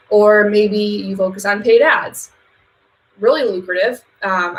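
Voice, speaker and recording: A woman's voice: mid-range voice, reverberant, rough recording. A woman who runs a social media agency, giving business advice straight to camera in a casual vlog, chatty and direct, with fillers and emphatic repetitions.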